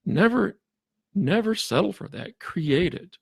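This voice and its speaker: A man with a gravelly, husky voice speaks haltingly as a podcast guest, restarting his sentences and chuckling along the way. The sound is close and dry, with no room around it. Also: high-pitched, very animated, no echo. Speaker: podcast guest, forensic interviewer. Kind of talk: casual interview talk.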